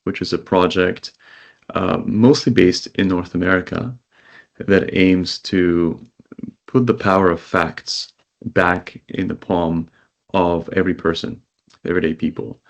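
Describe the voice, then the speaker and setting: A man with a very low voice speaks as an interview guest over a video call. He grew up in Israel and answers in a measured way, ticking off items one after another. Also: steady tone, gravelly. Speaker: company CEO guest.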